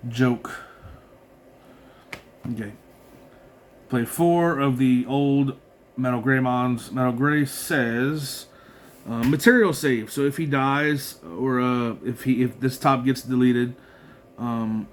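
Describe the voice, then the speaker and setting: A man talks through his card game deck in a loose, rambling way, reading effects aloud and often restarting mid-thought. His pitch sits in an ordinary middle range. A faint hiss of background noise runs under the recording. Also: steady tone, slow, pauses often. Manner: rambling, filler-heavy, reads card text aloud with frequent restarts. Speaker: card game content creator. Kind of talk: casual deck walkthrough.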